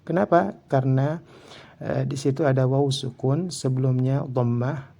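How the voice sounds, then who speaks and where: A man's voice: mid-range voice, moderate pace, creaky, dark tone. A man with an Indonesian accent teaching Quran recitation rules, explaining each rule and then reciting examples drawn out. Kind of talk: tajwid lesson with recited examples.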